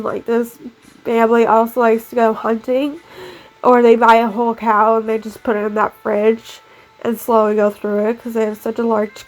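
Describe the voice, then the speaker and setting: In a rough recording with faint music underneath, a young woman whose voice is on the high side narrates her game build. Stuffy and nasal with a cold, she chats in a rambling manner, saying "like" constantly.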